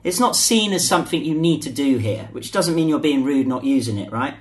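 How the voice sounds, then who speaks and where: A man's voice: fairly high pitch, lively intonation, brisk. A man co-hosting a casual podcast, chatty and prone to repeating himself. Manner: chatty, repeats himself, sings a short jingle. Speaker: podcast co-host.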